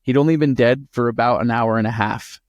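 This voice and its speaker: A man co-hosting a podcast, telling a true-crime story in a casual, animated and profane way. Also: mid-range voice, brisk, dry recording, muffled recording. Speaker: podcast co-host.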